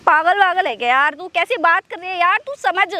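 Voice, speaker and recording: A young woman acting out phone calls in a skit, scolding and pleading by turns in quick emotional outbursts. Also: extremely high pitch, expressive, pushed and bright. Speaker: skit performer. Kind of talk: acted phone-call skit.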